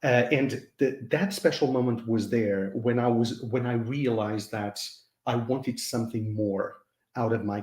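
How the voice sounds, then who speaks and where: A man answers interview questions, speaking earnestly and halting often over fillers. His voice sits at a medium pitch, and it sounds roomy, as if the room has a noticeable echo. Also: darkish tone. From Mozambique. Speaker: guest. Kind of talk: hesitant conversational interview answers.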